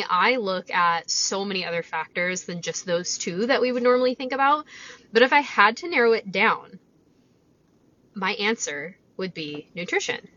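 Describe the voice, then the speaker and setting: A woman's voice: medium pitch, pushed and bright. A woman talking casually as a fitness coach and podcast host, explaining things conversationally and checking in with rhetorical questions, recorded inside a parked car. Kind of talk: casual solo podcast talk, coaching advice. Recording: slightly dull lo-fi car recording.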